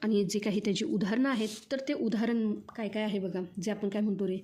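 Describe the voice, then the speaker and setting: A woman's voice: medium pitch, fairly even intonation, a little fast, warm tone. Marathi-accented woman teacher, patient drill style, asks and repeats. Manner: repetitive question-and-answer teaching. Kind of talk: children's phonics lesson.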